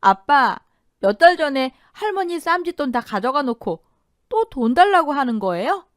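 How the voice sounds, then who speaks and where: A teenage girl, tearful yet defiant, acted by a woman in an audio drama. Her voice rides high with lively swings, recorded dry and close. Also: normal speed, dry recording. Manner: pleading, defiant. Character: teenage granddaughter, outspoken and tearful.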